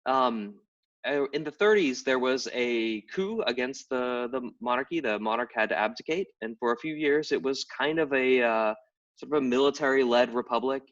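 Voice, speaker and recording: A middle-aged game writer and anthropologist from Tidewater, Virginia speaks at a medium pitch and moderate pace, his tone a bit bright. He explains at length in a casual interview, full of fillers and restarts, captured in distant, dull lo-fi live stream audio.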